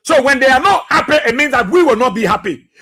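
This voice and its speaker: A Liberian English-accented man hosts a radio talk show, speaking fast and animatedly with a breathy edge. He keeps repeating himself, urging listeners on and using plenty of fillers. His birthday greetings come out low and subdued before he turns loud and preachy.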